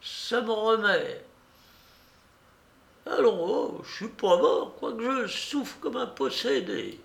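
A man's voice: sits high, big pitch swings, slow, gravelly, a bit bright, reverberant, pitched above the performer's own voice, exaggerated voice. A man voicing a sly, scornful dying old beggar whose thin voice rattles and fails as he gives orders. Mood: weary. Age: older. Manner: mocking and imperious. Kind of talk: audiobook character reading.

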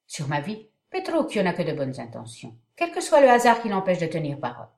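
A woman playing a calm, reassuring young man in a stage comedy, measured and persuasive. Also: lowish voice, creaky, reverberant, heavily acted. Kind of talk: dramatic reading of a classic stage comedy.

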